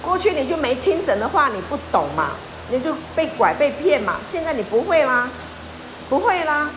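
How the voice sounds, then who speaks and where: High-pitched lady preaching, keeps asking the room questions, bit of hiss behind. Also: moderate pace. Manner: lively, asks the congregation questions. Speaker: pastor. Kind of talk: sermon.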